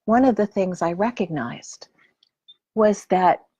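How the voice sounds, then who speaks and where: A woman giving a heartfelt personal talk on emotions, often dropping into soft whispers and then rising to emphatic intensity. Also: mid-range voice, lively intonation, takes it slowly, husky, no echo.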